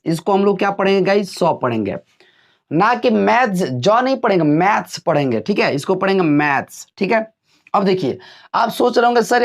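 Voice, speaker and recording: A man teaching an English pronunciation lesson, asking the class questions and answering them himself. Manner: drills with repeated questions, answers dropping low.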